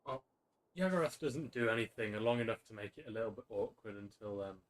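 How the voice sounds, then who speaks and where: A man running a tabletop fantasy game as game master, narrating off the cuff in a halting, self-correcting way. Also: on the low side.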